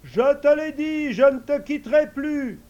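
A man voicing an invisible male servant spirit in a storybook, speaking high and excited with devotion. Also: measured pace, highs cut off. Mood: eager.

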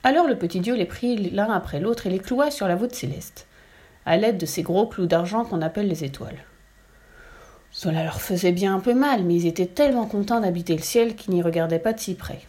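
A woman reading a children's story aloud in a lively, expressive way. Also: mid-range voice, fairly quick.

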